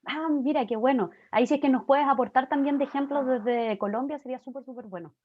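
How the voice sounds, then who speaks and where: Una mujer chilena, invitada como conferencista, habla de manera informal y cercana en una clase en línea, con muchas muletillas. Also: female voice, sits high, fast, slight background noise. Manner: friendly, informal, many fillers. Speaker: guest lecturer. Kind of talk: online class talk. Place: home, video call. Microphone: computer mic on video call. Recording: dull, dry video-call audio.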